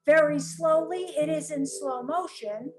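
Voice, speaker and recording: A woman with a high voice talks in an unhurried way as she co-hosts a casual watch-along chat. She narrates the on-screen action and drops dry jokes about it. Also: darkish tone. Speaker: co-host of a watch-along show. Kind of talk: casual reaction chat while watching a TV episode.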